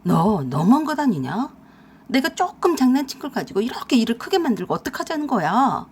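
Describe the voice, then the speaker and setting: Woman reader doing young husband, radio drama, pushy then wheedling, higher-pitched. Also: very animated, fairly quick, a little hiss or hum. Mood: defensive. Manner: defensive, pleading then shouting. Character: panicky shameless young husband. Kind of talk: Korean radio drama acting.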